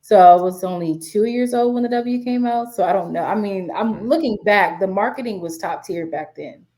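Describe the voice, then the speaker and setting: A woman in her twenties from the DC area, a sports media writer, chats casually as an interview guest. Her mellow, mid-range voice moves at a moderate pace, filled with fillers and restarts.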